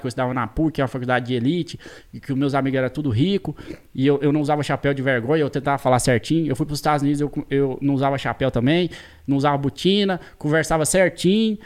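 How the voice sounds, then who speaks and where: Fast folksy man, rural Brazilian accent. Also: medium pitch. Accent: rural Brazilian interior (caipira). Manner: folksy storytelling. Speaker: guest, internet creator. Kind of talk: storytelling on a talk show.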